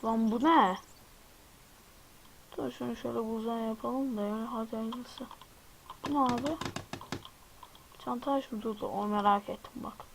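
A man's voice: very high-pitched, steady tone, normal speed, gravelly, long pauses, a little hiss or hum, low-quality recording. Jumpy young-sounding gaming host, man. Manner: chatty, jumpy, exclaims at surprises and addresses viewers. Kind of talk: casual let's-play commentary.

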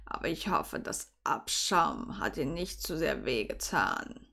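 A woman voicing a brooding grown male wizard, talking slowly in a hushed, half-whispered way in a fan fiction reading. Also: deep voice, sing-song, vocal fry, voice pushed down, full character voice. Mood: tender hush.

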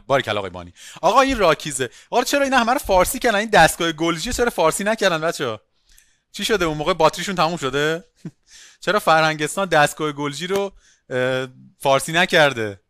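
A male biology teacher giving an online class, lively, asking questions and calling on students by name. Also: on the high side, no room sound, clean studio sound.

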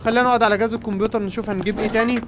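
A young man with an Egyptian Arabic accent giving excited running commentary on a game and talking to his viewers. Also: sits high, rapid-fire, background noise. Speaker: gaming YouTuber. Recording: game music playing behind.

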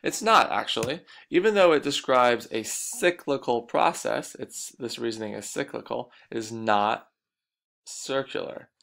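A man's voice: mid-range voice, animated, measured pace, creaky, a bit bright. A man teaching a recorded lecture, explaining points and repeating the key ones.

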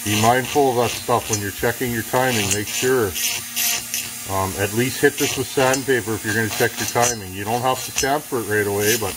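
A chainsaw builder demonstrates porting in a casual workshop tutorial, talking fairly quickly in a relaxed, chatty way with self-deprecating asides as he works. His voice sits at a middle pitch, and he's off camera while the camera stays close to the workbench. A rotary grinding tool whirs in the background of the noisy shop.

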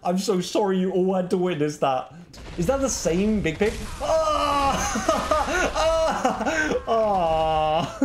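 A young man streaming a game live, laughing and shouting reactions at the enemies he fights. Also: high voice, normal speed, heavy background noise. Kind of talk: live gameplay commentary.

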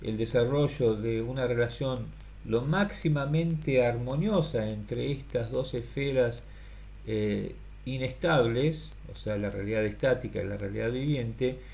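A middle-aged man, thinking aloud in a halting, rambling monologue to a webcam in a small room. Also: mid-range voice, vocal fry, a little mellow. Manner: halting, many fillers and restarts, thinking aloud. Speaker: philosophical vlogger. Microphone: webcam at close range.

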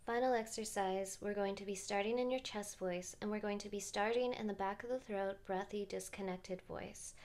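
A woman vocal coach calmly guiding singers through vocal exercises step by step, with short sung demonstrations. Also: medium pitch, moderate pace, few pauses. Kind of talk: guided vocal exercise instruction.

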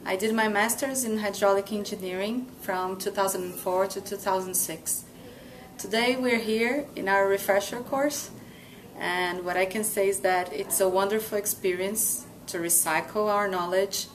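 A woman's voice: medium pitch, rough recording. A woman from Brazil giving a short, fluent testimonial to camera in a classroom. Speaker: course participant. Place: indoor classroom with large windows.

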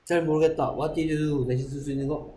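Man, English teacher, slow deliberate reading of example lines, frequent check-ins, faint background hiss. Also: on the high side, fairly even intonation, mellow. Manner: reads English lines slowly and deliberately, keeps checking in with "그렇죠?". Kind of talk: classroom lesson explaining a textbook dialogue.

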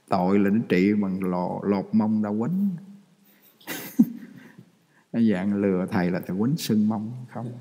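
Male monk, folksy dharma talk with plenty of laughs, low and mellow, long hall echo. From Vietnam. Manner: folksy, joking, laughs often. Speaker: Buddhist monk teacher.

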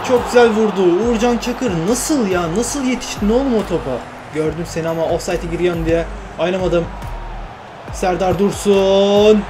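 A man narrating his football video game play in excited, repetitive exclamations. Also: high voice, moderate pace, background noise. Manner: exclaiming and repeating phrases. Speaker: gaming YouTuber.

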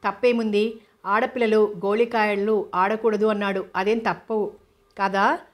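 A woman's voice: mid-range voice, level tone, a little slow, natural voice. A woman voicing a feisty, defiant little orphan girl in a storybook reading, cheeky and combative.

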